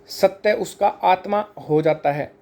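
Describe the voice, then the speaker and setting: Slightly high-pitched guy teaching scripture, steady measured explaining, slows down for lists. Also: gravelly. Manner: measured and explanatory, slowing to spell out sacred terms one by one.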